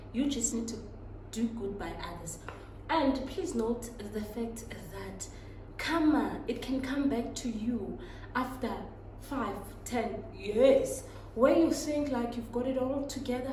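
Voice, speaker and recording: A woman's voice: on the high side, echoey room, distant mic, noisy background. A young South African woman giving an emphatic, preachy motivational talk and switching between English and Zulu phrases. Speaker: motivational vlogger.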